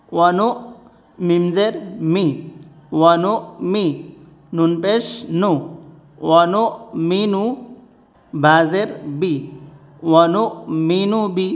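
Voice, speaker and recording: A man with a high voice spells out a prayer syllable by syllable, pausing between each one, then chants it back. His delivery is very slow and deliberate, and long reverb trails behind every word. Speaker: Quran recitation teacher.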